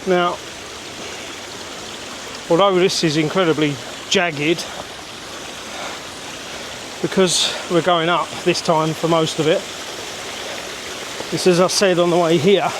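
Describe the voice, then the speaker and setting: A man's voice: a little high, fairly even intonation. A man vlogging casually as he climbs a wet, rocky mountain trail, talking in between efforts. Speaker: hiking vlogger. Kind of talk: casual on-the-go narration. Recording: noisy outdoor recording with rushing stream.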